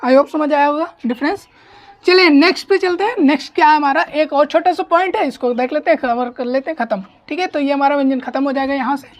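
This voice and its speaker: A woman teaching an online grammar class, explaining step by step, drilling pronunciation slowly and often checking that students follow. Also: sits high. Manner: slow, deliberate pronunciation drills.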